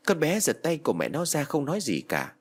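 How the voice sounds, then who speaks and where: A man narrating a ghost story in an expressive, dramatic storytelling manner. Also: a little high, brisk.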